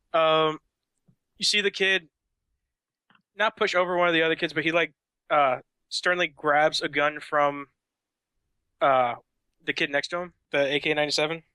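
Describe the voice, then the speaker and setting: A man's voice: fairly high pitch, fairly even intonation, moderate pace, pauses often, bright, forceful tone, smooth, dry recording. A young man narrating a tabletop game as game master, with a casual, laughing delivery full of fillers.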